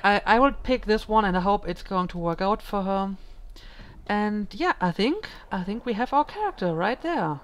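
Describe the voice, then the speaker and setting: Brief: female let's play host, mid-pitched, hesitant and thinking aloud, faint hiss under the voice. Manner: thoughtful, hesitant, many ums. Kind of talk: casual gaming commentary.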